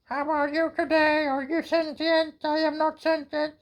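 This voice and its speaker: A woman voicing a small, cheery toy robot in a high, chirpy robot voice. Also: flat delivery, measured pace. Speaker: unboxing reviewer.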